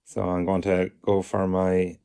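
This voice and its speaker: A man with a very low voice and a gravelly fry walks through software step by step. His delivery is measured and methodical, as a tutorial presenter. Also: completely flat delivery.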